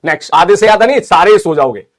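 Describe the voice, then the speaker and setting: A man with an Indian accent teaching physics in a live online class, reading out student messages in a fast, chatty, encouraging way. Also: high-pitched, animated.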